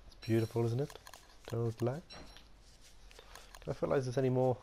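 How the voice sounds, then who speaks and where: A man's voice: mid-range voice, steady tone, normal speed, creaky, warm tone, a little hiss or hum. A man giving casual let's-play commentary, chatty and playful, talking to himself as he plays. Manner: chatty, playful, talks to himself while playing. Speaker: gaming video host.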